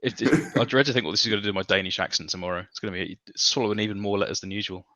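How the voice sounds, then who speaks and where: A British man in his thirties chatting casually as a podcast guest, animated and self-deprecating. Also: on the low side, very fast, no echo, lo-fi sound. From Coventry, England. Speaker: podcast guest, academic researcher. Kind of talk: casual, chatty interview answers. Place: home room, video call.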